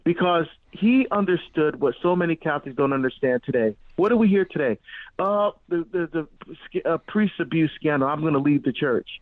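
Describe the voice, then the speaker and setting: A middle-aged man born in Barbados and raised in New Jersey, a guest on a radio interview, telling his story with animated restarts and many fillers. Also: on the high side, normal speed, no room sound. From born in Barbados, grew up in New Jersey. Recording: tinny phone-line sound, dry.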